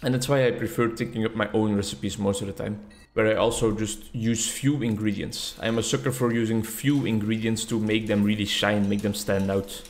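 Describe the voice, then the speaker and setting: A young native Dutch speaker from the Netherlands or Flanders, a gaming YouTuber, rambles reflectively and self-deprecatingly while commenting over his gameplay. His voice is on the low side, level in tone, and a little fast.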